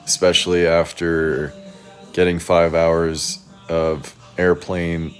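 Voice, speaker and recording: A man talking casually as a travel vlogger, relaxed and chatty, filling gaps with "you know" and "like.". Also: low-pitched, takes it slowly, faint music behind. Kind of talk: casual travel vlog narration. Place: outdoors on a hilltop city viewpoint.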